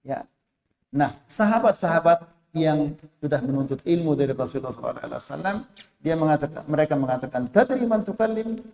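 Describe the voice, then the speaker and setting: A man's voice: a little high, fast talker, vocal fry, a little mellow. A man with an Indonesian accent preaching a sermon in a mosque, telling a story and quoting Arabic, raising his voice when he speaks the figures' lines. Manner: storytelling with Arabic quotations, voicing the figures in a raised voice. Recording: echoey mosque hall.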